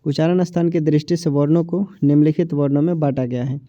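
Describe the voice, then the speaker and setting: A man's voice: a little high, steady tone, quick pace, mellow, no echo. A man with a Hindi accent from Bihar, teaching a grammar lesson for exam prep. He asks questions and answers them himself, and he stretches out each sound as he says it. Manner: repetitive, asks and answers his own questions; drags out sounds when saying them. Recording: dull, dry, lo-fi voice recording.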